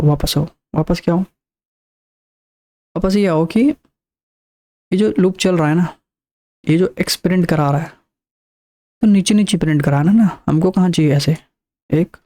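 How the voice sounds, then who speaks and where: A man's voice: on the high side, moderate pace, long pauses, mellow. A man teaching a programming lesson, walking through the code step by step and counting aloud as he explains. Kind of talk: screen-recorded coding lesson.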